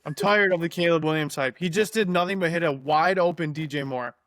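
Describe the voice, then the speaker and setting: A man co-hosting a sports podcast in casual chat, sarcastic and quick to react to the game he watches. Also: a little high, fairly bright tone, slight background noise. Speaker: podcast co-host.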